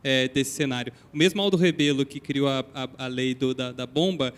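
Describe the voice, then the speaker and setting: A man's voice: mid-range voice, fairly even intonation, moderate pace, clean tone. A man commenting as a panelist at a conference, hesitant with many restarts. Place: conference hall.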